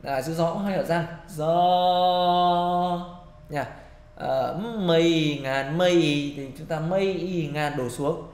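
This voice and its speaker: A man teaching a singing lesson, explaining technique in quick spoken tips and singing short phrases to demonstrate. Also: on the high side. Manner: brisk, explanatory, sings phrases then breaks them down. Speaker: vocal coach. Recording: echoey room with guitar backing. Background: loud guitar accompaniment.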